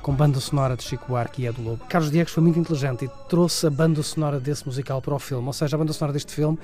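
A man's voice: fairly high pitch, steady tone, rapid-fire, mellow, faint music behind. A man with a European Portuguese accent giving a conversational, wordy film review, often repeating and rephrasing as he goes. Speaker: film critic.

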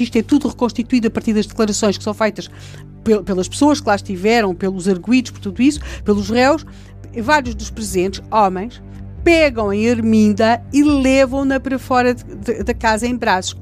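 A woman's voice: on the high side, expressive, normal speed, darkish tone. A woman with a European Portuguese accent retells a grim historical case, vivid and dramatic in her delivery. She restarts phrases and leans on fillers as she goes. Faint music plays beneath her voice. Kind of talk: conversational true-crime retelling.

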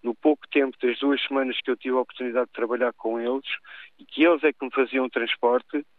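A man with a European Portuguese accent calls in to a radio show. He stammers and halts but keeps pressing his point. His medium-pitched voice comes through a dry, tinny phone line. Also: fairly even intonation, dry recording. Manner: halting, stammering, insistent. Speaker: caller. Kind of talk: radio call-in opinion.

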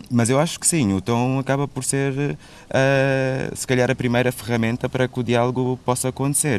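A man with a European Portuguese accent, speaking calmly and reflectively in a casual panel discussion. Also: medium pitch, clear, resonant tone. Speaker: panel guest.

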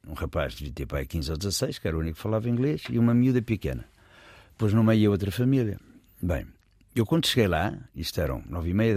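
A man's voice: lowish voice, warm tone, no echo, clean studio sound. A man with a European Portuguese accent telling a story in casual conversation, rambling and correcting himself as he goes. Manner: rambling, self-correcting, chuckles while telling. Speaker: guest storyteller.

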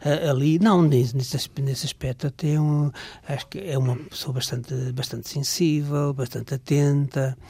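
An older man with a European Portuguese accent, a writer and journalist reminiscing as a guest in a radio interview, halting and breaking off words, sometimes dropping to a near whisper. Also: on the high side, fairly even intonation, dark tone, husky, no room sound.

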